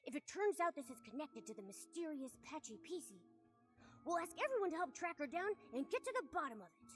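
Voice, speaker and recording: A woman voicing a small, excitable talking cat companion in a video game, with an indignant, exclamatory manner. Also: high-pitched, fairly quick. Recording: game audio with faint music.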